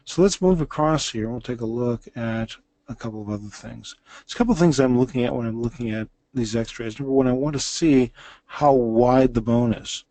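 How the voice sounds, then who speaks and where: A man's voice: mid-range voice, brisk, dark tone, no echo. A man in his sixties giving a lecture that walks listeners through a dental case. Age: 60s. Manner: explanatory, walks through images step by step.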